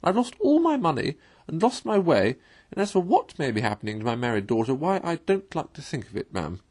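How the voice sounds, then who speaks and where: A man's voice: a little high, sing-song, a little fast, darkish tone, voice pushed up. A man voicing a sly toad who poses as a troubled washerwoman, wheedling in rustic turns of phrase in a read-aloud storybook. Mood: plaintive, wheedling. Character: Toad, sly boastful animal posing as a distressed washerwoman.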